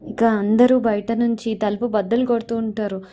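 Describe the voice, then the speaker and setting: A woman retelling a TV serial episode, her fairly high voice dropping softer between the acted quotes. She keeps the story moving in a steady, flowing way. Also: normal speed. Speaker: serial recap narrator.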